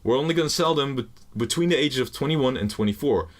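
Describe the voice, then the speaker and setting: Talking fast in a mid-range voice, a male gaming YouTuber whose first language is Dutch offers loose, joking game commentary. He swears casually, wanders from point to point, and has the jittery feel of a debut video.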